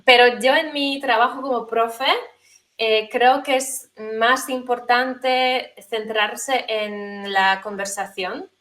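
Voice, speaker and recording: A woman's voice: on the high side, steady tone, takes it slowly, a bit bright. A woman who works as a language teacher, answering interview questions thoughtfully with frequent hesitations and fillers. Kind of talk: conversational interview.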